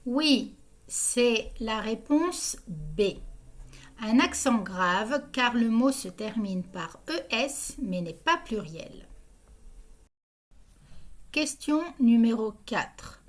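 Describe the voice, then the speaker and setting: A woman hosts a grammar quiz in a scripted narration voice. Her voice sits a little high, and she reads every question and answer option slowly and evenly. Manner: slow, even reading of questions and answer options. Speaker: quiz host.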